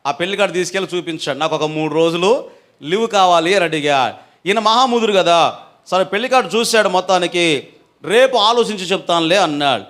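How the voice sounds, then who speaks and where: A high-pitched male pastor delivering a sermon. He tells a story by voicing its people, then presses his point with repeated questions and calls for the congregation to answer. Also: a bit bright. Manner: storytelling with quoted voices, rising to emphatic preaching.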